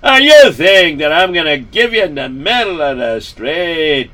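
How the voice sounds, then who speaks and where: A pompous, temperamental rich tycoon, as a man puts him on, his voice pitched high and pushed loud. He drags out his indignant exclamations with a haughty, demanding manner and a bright, sharp edge. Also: big pitch swings, measured pace, recorded from a distance, heavily acted. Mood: condescending. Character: arrogant rich older man, boastful and temperamental.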